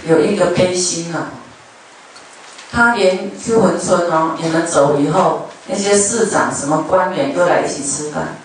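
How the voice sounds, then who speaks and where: A woman's voice: lowish voice, a little slow. Woman preaching in a very echoey hall. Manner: chatty, jokes with the audience. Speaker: Buddhist dharma master. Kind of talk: conversational sermon. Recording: very echoey hall, mic far off, faint noise.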